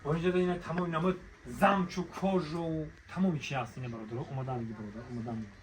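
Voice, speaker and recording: A man's voice: fairly high pitch, steady tone. A man with a Tajik accent giving spontaneous, repetitive sales patter like a bazaar merchant, calling people to come, look and buy. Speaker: shop promoter presenting clothing deals. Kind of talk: spontaneous sales patter on a shop walk-through. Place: inside a large clothing shop. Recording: busy crowd noise around the voice.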